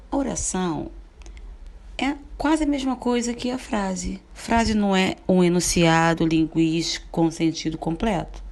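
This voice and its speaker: A woman teacher giving a recorded grammar lesson, explaining step by step, asking rhetorical questions and reading examples with lively expression. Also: medium pitch.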